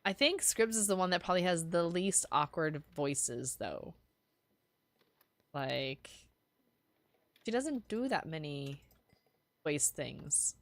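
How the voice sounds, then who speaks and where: A woman with a fairly low, very animated voice chats playfully as she streams a game. Her melody moves up and down a lot, and the sound is dry, with little room on it. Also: takes it slowly, pauses often, no room sound. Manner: playful, bantering. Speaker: livestream gamer. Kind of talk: casual gaming chat.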